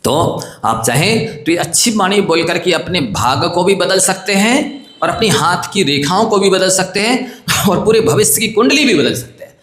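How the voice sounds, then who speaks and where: A man's voice: high-pitched, lively intonation, moderate pace, fairly bright tone. A man, a Jain monk, giving a sermon in an earnest, coaxing way and putting questions to his listeners. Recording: echoey hall.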